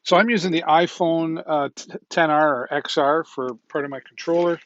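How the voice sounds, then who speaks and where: A man's voice: a little high, fairly even intonation, moderate pace, fairly bright tone, dull audio. A man hosting a casual product demo livestream, rambling and chatty with lots of ums, his voice a bit worn. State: slightly losing his voice. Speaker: livestream shopping host.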